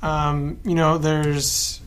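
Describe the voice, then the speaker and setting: A man from the United States hosting a casual interview podcast, asking questions in a relaxed way with fillers. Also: fairly high pitch, very slow, slight background noise. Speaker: podcast host.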